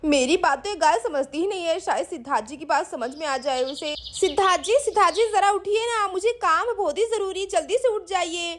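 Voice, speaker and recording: A woman's voice: very high-pitched, animated, brisk. A woman voicing a fussy village aunt in a doll story, fretting and complaining. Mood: fretful.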